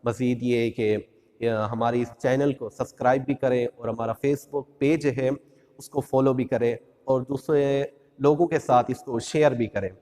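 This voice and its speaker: In a religious lesson on pronunciation, a man patiently teaches the letters of the Quran, drawing out each sound in sung recitation. His mid-range voice is mellow and steady at a normal speed, followed by a long reverb tail.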